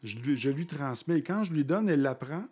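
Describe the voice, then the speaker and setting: A man with a Québécois accent, a podcast guest recounting personal experiences in conversation, pausing often with fillers and restarting his sentences. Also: fairly high pitch, expressive, darkish tone, breathy edge. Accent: Québécois French. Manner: halting, with frequent fillers and restarts. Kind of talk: conversational storytelling.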